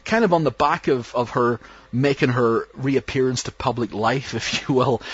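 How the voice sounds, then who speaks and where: A podcast host with a mid-range, breathy voice opens an interview in a loose, wandering way, full of fillers and false starts. The recording sounds dull.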